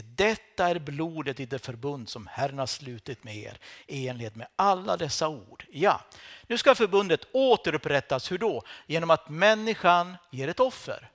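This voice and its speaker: Dramatic male preacher. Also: on the high side. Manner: dramatic storytelling, swings between loud and hushed. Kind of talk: sermon.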